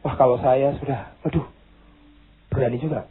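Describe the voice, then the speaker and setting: A man preaching a dramatic sermon with an Indonesian accent, shouting then dropping to asides and mixing in English phrases, on a lo-fi recording. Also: medium pitch, steady tone, normal speed, husky. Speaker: pastor. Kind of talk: sermon with acted-out quotes.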